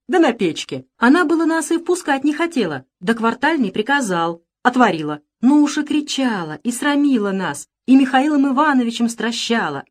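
A woman voicing an excited, breathless male servant who tells his news in a folksy gabble. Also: high-pitched, pitched above the performer's own voice.

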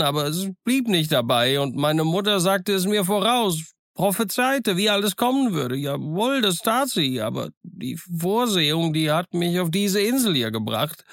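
A man voicing a childlike, excitable old castaway sailor who has gone half mad alone, in an eager, wheedling, sing-song way. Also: sits high, no echo, clean studio sound, voice pushed up, full character voice. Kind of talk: audiobook character voice.

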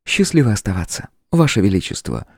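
Man voicing a calm, mocking demoness. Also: on the low side, brisk, husky, no echo, clean studio sound, pitched above the performer's own voice, exaggerated voice. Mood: cool mocking. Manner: calm, smiling, unbothered. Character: cool mocking demoness woman, calm and defiant.

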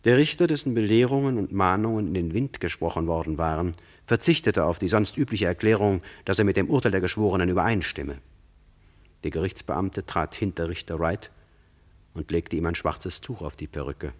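The narrator of this true crime radio play is a man with a deep voice, and he speaks to the listener directly, keeping his tone sober and measured.

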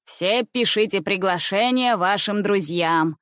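A woman voicing a kind middle-aged uncle who speaks slowly and softly to the children, in a storybook reading. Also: medium pitch, dry recording, studio quality, lightly acted. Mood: gentle.

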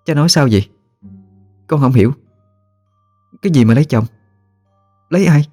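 A man's voice: fairly high pitch, lively intonation, moderate pace, dark tone, no room sound, faint music behind, voice pushed up. A man voicing a frightened young village woman who pleads through tears. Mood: shocked defiant. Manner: pleading, sobbing.

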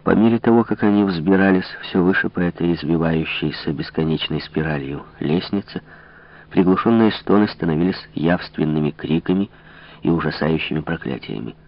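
A man narrating an audiobook in a measured, dramatic reading. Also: deep voice. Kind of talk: scripted narration. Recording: dull lo-fi recording.

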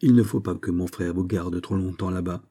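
A man's voice: low voice, fairly even intonation, fairly quick, mellow, breathy edge. A man voicing a gracious young princess with an uneasy undertone, in an audiobook, barely shifting his own voice. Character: troubled young royal princess.

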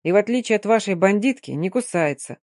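A man's voice: sits high, expressive, fairly quick, no echo, studio quality. A woman voicing a gloomy, wounded cavalry captain who talks curtly through clenched teeth, in an audiobook. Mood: mocking.

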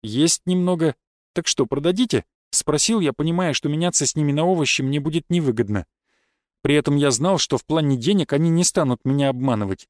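A man reading a first-person fantasy audiobook in an even storytelling manner. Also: a little high, fast, no echo, studio quality. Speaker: audiobook narrator.

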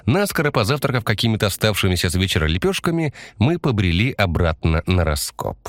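A man with a deep, low voice reads a horror story aloud. He narrates at a measured, steady pace. The recording is dry, with no room sound. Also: no room sound.

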